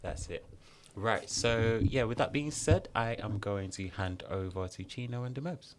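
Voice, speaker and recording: A man's voice: on the low side, moderate pace, noisy background. A man with a London accent hosting a podcast, chatting casually with street slang. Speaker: podcast host.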